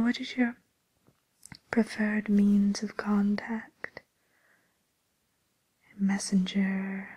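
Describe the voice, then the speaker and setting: This ASMR roleplay features a woman as a polite receptionist at a fairy-tale dating agency, attentive and speaking in a soft, breathy, hesitant whisper. Her voice is of medium pitch, and the recording quality is low.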